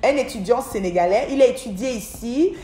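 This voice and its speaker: A middle-aged livestream host rambles through a long story at home by an aquarium, repeating words often as she talks to her viewers. Her voice is a little high and mellow, with lively intonation and a brisk pace. The device mic records an echoey room with a little hiss or hum.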